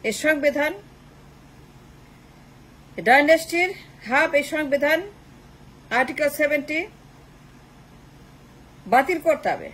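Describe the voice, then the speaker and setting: A woman delivers a fierce political monologue in a high voice. She repeats her points again and again for emphasis, sliding between Bengali and English. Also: takes it slowly, long pauses, a bit bright, poor audio. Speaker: political commentator.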